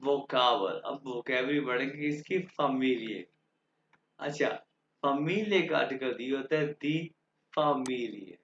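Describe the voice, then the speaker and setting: Slow, patient male language teacher. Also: medium pitch, fairly bright tone, a little hiss or hum. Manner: patient, repetitive, checks understanding often. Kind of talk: classroom grammar lesson. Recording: dull, roomy classroom recording.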